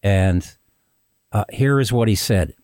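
A man's voice: on the low side, slow, noisy background. A man hosting a podcast, giving conversational, emphatic commentary. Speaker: podcast host.

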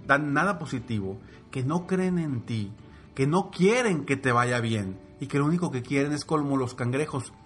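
A man telling a motivational fable in a lively, repetitive way, going soft and low for the lesson. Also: normal speed, soft background music. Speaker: motivational storyteller. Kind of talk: motivational storytelling.

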